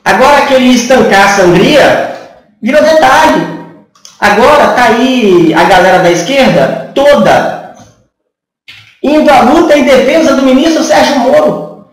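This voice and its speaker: A man's voice: extremely high pitch, expressive, unhurried, distant mic. Brazilian man in his thirties, vlogger, rhetorical and sarcastic, recorded off-mic in an echoey room. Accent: Brazilian Portuguese. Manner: rhetorical, sarcastic, asks many questions. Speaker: channel host. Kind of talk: political opinion monologue. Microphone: camera from a few feet away.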